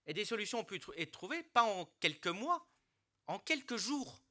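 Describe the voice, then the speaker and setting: In a hospital hall, a middle-aged mayor delivers his formal New Year address with hesitations. His slightly high, sing-song voice has a very bright, forceful edge. Earnest and deliberate, he keeps restarting phrases before landing on the word he wants.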